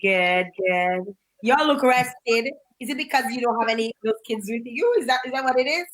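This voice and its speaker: A woman's voice: fairly high pitch, normal speed, poor audio. A woman co-hosting a radio talk show, playful and teasing with her guests. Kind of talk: casual radio chat.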